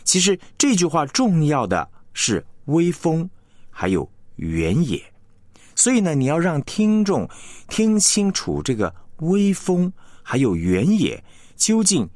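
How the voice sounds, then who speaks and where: A man hosting a radio lesson on announcing technique, explaining patiently and reading example sentences slowly with clear pauses. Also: medium pitch, darkish tone, dry recording, studio quality. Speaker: radio broadcasting teacher and host.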